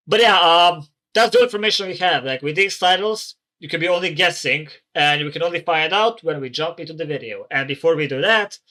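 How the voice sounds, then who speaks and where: A man's voice: on the high side, sharp tone. A man hosting a reaction channel who comments in a casual, rambling way and swears often.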